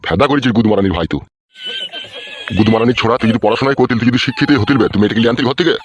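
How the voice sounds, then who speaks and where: A man's voice: mid-range voice, natural voice. A man doing a foul-mouthed furious village father. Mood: angry. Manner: rapid abusive yelling. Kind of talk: comic dub.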